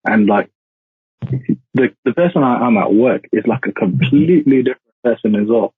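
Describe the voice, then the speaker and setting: Calling into a podcast, this Indian-raised man in his twenties, a law graduate, chats loosely and fills his speech with "like." He has a husky, mid-range voice at a moderate pace. The remote call audio is dry with no room sound but tinny, like a phone line.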